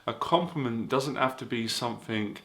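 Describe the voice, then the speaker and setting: A man's voice: mid-range voice, moderate pace, fairly bright tone. A man giving casual dating advice in an earnest, repetitive way, full of fillers. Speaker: dating coach.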